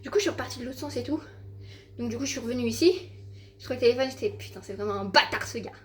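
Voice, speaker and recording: A woman's voice: a little high, very fast, noisy background. A teenage girl vlogging at home into her handheld phone, rambling with lots of fillers and casual swearing. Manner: rambling, filler-heavy, swearing, exasperated storytelling. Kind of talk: casual vlog chat to camera.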